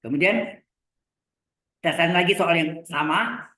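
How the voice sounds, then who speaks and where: A middle-aged man gives a maths lecture in a slightly high voice. He talks slowly, repeating key terms and asking whether the class follows. The room sounds echoey. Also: expressive, bright, forceful tone. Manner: slow, repeats terms, asks checking questions. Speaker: university lecturer. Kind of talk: live lecture on vector calculus.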